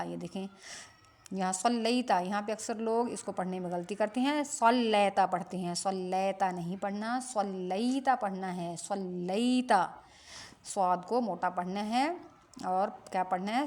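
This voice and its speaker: Patient woman teacher, leads a pronunciation lesson, asks questions and answers them herself. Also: mid-range voice. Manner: patient and instructive, often asks then answers her own question. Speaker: Quran recitation teacher. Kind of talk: pronunciation lesson with slow demonstrations.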